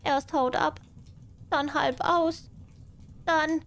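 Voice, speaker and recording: A woman's voice: high voice, steady tone, extremely slow, a bit bright, pitched above the performer's own voice, full character voice. A woman voicing a small, trusting female mouse in a fairy tale, earnest and inquisitive. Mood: dismayed.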